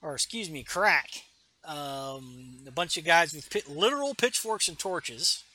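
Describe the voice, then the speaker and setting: A man chatting casually on a podcast, retelling a comic book issue with animated energy. His voice is sharply bright and sits a little high, and he slips into the characters' lines as he goes. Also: normal speed, breathy edge. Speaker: podcast co-host.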